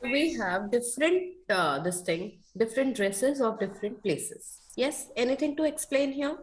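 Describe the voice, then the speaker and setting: A woman's voice: a little high, lively intonation, unhurried. A woman with an Indian accent teaching an online children's class, asking checking questions and repeating key points. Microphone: online video call.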